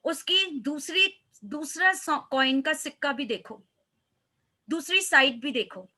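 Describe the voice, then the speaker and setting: A woman's voice: high voice, slow pace, bright, forceful tone. A woman, a life coach, speaking earnestly in a motivational interview and mixing in English phrases.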